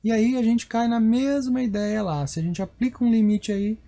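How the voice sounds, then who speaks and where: A man's voice: high voice, normal speed, warm tone. A male math teacher with a Brazilian Portuguese accent, giving a recorded lecture and checking in with viewers as he explains each step.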